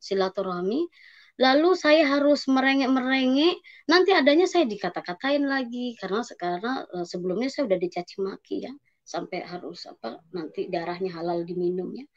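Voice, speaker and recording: A woman giving an emotional, earnest personal faith testimony, talking in a hesitant, halting way with many pauses. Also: a little high, animated. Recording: dull lo-fi sound.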